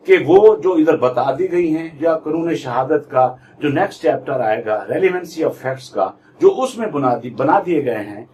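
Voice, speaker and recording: There's a little hiss or hum behind this fairly high-pitched male voice. The speaker, a man with a Pakistani accent, teaches law in a didactic style, blending Urdu with English as he reads each definition word by word and then explains it.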